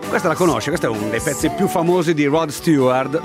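A man's voice: on the high side, lively intonation, fast. A man hosts a music show in casual chat, presenting songs in an informal, loose way and often interjecting. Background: music playing.

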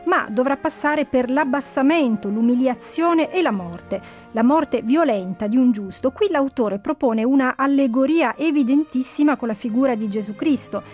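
Female radio presenter, high voice, calm scripted explainer, music bed. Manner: measured and explanatory. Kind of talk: scripted commentary.

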